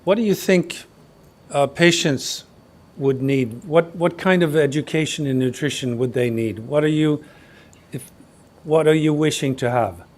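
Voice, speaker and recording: A man's voice: fairly high pitch, unhurried, a little mellow. A man moderating a panel discussion, briefly handing questions to speakers.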